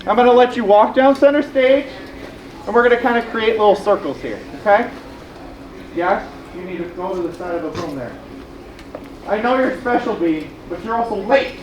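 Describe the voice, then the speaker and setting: A convention panel host talks to a live room in a playful, teasing way, calling people up on stage. The voice sits in the middle of the pitch range. It echoes around a large room over a faint hiss. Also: moderate pace, lo-fi sound.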